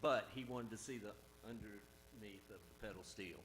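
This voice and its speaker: Guy rambling on stage introducing his band, loose folksy chat, loud music under it. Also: on the low side, moderate pace, a little hiss or hum, poor audio. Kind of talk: live stage banter between songs. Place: live music stage with audience. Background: guitar and band instruments.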